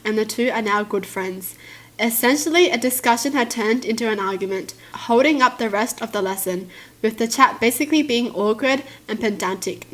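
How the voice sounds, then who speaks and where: High-voiced woman reading stories and reacting. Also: a bit bright. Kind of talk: reading stories aloud with casual commentary.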